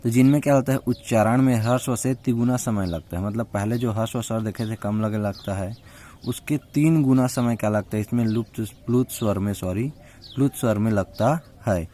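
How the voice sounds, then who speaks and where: A male teacher with a somewhat low voice, walking through a lesson at an even teaching pace. He keeps asking questions and answering them himself, stretching out sounds to demonstrate them and checking in again and again. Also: a little hiss or hum. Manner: repeats "ठीक है" as a constant check-in; draws out example vowel sounds slowly. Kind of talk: spoken Hindi grammar lesson.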